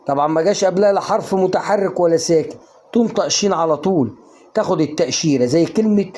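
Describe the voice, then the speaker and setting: In a casual online lesson, an Egyptian man with an Egyptian Arabic accent teaches English pronunciation, talking fast in a slightly high, dark-toned voice. He coaxes the viewer with questions that he answers himself.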